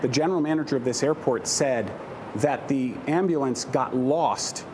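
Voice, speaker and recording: A man's voice: medium pitch, moderate pace, darkish tone. An American man reporting and interviewing on location for an investigative news exposé. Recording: location sound with clear outdoor traffic noise.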